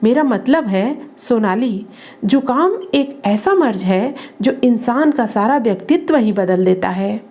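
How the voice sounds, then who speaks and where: A woman's voice: a little high, expressive, measured pace, mellow. A woman reading the lines of a playful, joking middle-aged man in a storybook drama. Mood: teasing. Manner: mischievous, joking.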